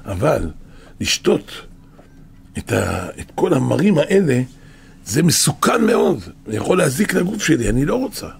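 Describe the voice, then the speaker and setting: A man's voice: a little high, very animated, creaky, slightly rough, heavily acted. A man voicing a stubborn wet nurse who insistently refuses to take a bitter medicine. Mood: refusing.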